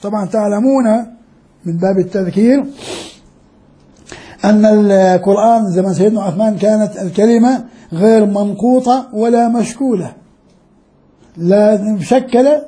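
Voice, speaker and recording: Older man, very high voice, mellow tone, classroom lecture, repeats key phrases. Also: moderate pace, pauses often. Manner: explanatory, repeats key phrases, addresses students directly. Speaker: sheikh and professor lecturing.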